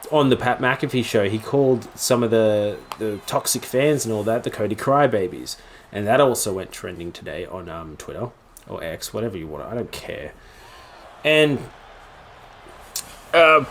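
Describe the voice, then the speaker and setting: A young man casually recapping a wrestling event, getting excited and acting out the moments with sudden high outbursts. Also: slight background noise. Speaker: wrestling commentary YouTuber.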